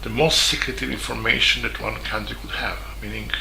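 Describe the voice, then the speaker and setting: A man from Serbia with a Serbian accent, a journalist giving a spoken statement in halting English full of fillers and restarts. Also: mid-range voice, steady tone, vocal fry, sharp tone, a little hiss or hum. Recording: echoey room with faint ambience.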